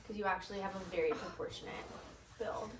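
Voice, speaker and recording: A woman's voice: medium pitch, quick pace, background noise. Teasing Canadian woman, echoey room. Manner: teasing, animated, laughs often. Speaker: podcast co-host. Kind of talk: casual chat. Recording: echoey room, voice distant from mic.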